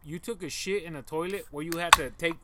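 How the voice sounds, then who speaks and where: A man's voice: a little high, fairly quick, very noisy. A man from North Portland, a podcast guest in a backyard, telling casual anecdotes in slangy, joking talk. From North Portland, Oregon. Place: backyard of a house, outdoors.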